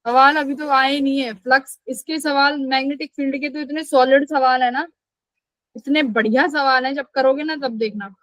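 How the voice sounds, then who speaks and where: High-pitched lady teaching physics live, keeps asking students then answering herself, dry close sound. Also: fairly even intonation, moderate pace, fairly bright tone, no echo, poor audio. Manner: asks students questions and answers them herself; scolding when students skip class. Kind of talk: live online class lecture.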